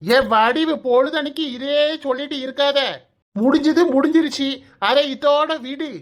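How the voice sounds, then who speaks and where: Cartoon dad, voiced by a woman, Kanyakumari Tamil accent, slow and soothing, high voice. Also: fairly even intonation, close to an everyday voice. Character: calm middle-aged village husband and father, pious.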